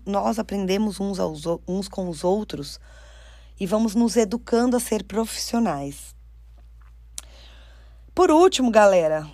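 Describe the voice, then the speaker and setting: A woman's voice: mid-range voice, dry recording. A woman with a Brazilian Portuguese accent gives an informal advice talk, speaking straight to her listeners and acting out quoted speech. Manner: animated, addresses listeners directly, acts out quoted speech. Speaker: career mentor for artists.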